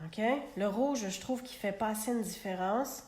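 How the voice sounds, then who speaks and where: A woman's voice: mid-range voice, moderate pace, a little mellow, echoey room. A woman with a Québécois French accent hosting a live card-making tutorial, chatting and talking to herself as she works, recorded on a phone held in a clamp. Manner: chatty, talks to herself while working.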